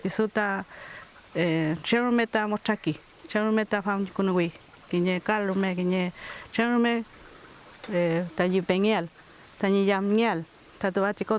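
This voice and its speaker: An older community leader from southern Chile, giving a slow, reflective documentary testimony with pauses. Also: mid-range voice, a little hiss or hum, poor audio. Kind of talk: documentary testimony mixing Spanish and Mapudungun.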